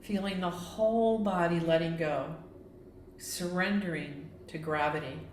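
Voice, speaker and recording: Leading a meditation in the manner of a yoga instructor, this woman speaks gently and evenly, inviting listeners to join each step. Her voice is slightly low and steady, the room echoes, and there's a little hiss or hum.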